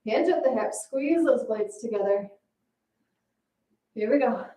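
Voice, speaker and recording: High-voiced woman aerobics instructor, echoey room. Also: animated, measured pace, dark tone. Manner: encouraging, counting down and cueing moves in short commands. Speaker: fitness instructor. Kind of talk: aerobics instructor leading a timed circuit workout. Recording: echoey room, distant mic.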